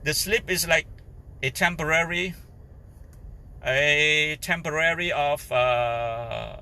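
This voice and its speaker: A man with a Cambodian Khmer accent, a native Khmer speaker, giving informal Bible teaching in halting English as he searches for words. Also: fairly high pitch, bright, forceful tone, smooth. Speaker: lay preacher.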